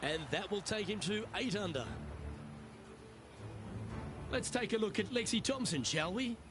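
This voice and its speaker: A man's voice: sits high, lively intonation, a little slow, music in the background. A man playing an upbeat, composed golf commentator in a video game broadcast. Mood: measured, engaged. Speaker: golf commentator, lead announcer. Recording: outdoor ambience noise behind voice.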